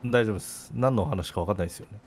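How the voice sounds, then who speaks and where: A man's voice: fairly low pitch, rapid-fire, slight background noise. A man chatting casually in a game roleplay, friendly and easygoing.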